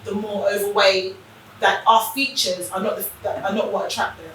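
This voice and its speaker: A woman's voice: medium pitch, moderate pace. London woman in a very echoey room. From England. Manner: animated, frequent restarts, storytelling. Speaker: podcast host. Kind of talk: casual chat. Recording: echoey room from far off with faint noise.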